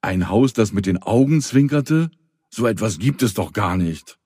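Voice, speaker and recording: Deep, husky male storyteller. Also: measured pace, dry recording, clean studio sound. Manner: calm, addresses the listener. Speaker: narrator. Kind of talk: children's story reading.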